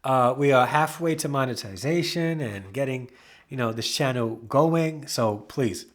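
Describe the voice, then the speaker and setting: A man giving a casual product review, talking excitably with emphatic repeats and self-corrections. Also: medium pitch, unhurried. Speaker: camera reviewer.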